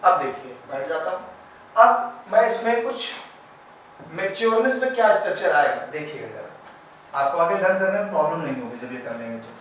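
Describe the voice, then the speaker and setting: A man teaching a biology lesson at a board. He explains step by step, asks his class if it is clear, and goes loud and then quiet as he draws. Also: a little high, lively intonation, moderate pace, far from the mic. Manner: loud when explaining, quiet and trailing off while drawing. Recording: very echoey room, voice off-mic, faint background hiss.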